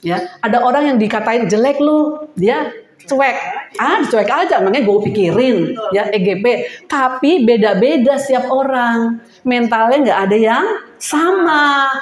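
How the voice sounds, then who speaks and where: A woman preacher giving a sermon to a women's fellowship, animated, acting out prayers and drawing replies from the congregation. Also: a little high, moderate pace. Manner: animated, acts out prayers and crying voices; call-and-response with the congregation. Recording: echoey room.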